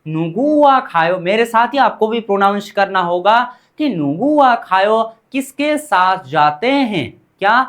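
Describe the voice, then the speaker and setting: Slow, patient woman language teacher. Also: mid-range voice, expressive. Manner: slow, repeats each word and asks the learners back. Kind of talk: classroom grammar lesson.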